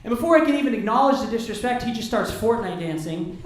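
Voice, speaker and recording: On a comedy club stage, a man in his thirties performs a sardonic, self-deprecating stand-up set, swearing freely. His very high-pitched voice is animated and quick, echoing around the club room.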